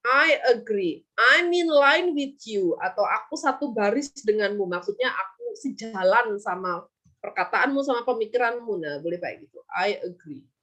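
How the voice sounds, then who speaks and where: A woman with an Indonesian accent teaches English vocabulary in an online class. Her voice sits high and swings widely in pitch as she acts out example lines and prompts the students for answers. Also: a bit bright.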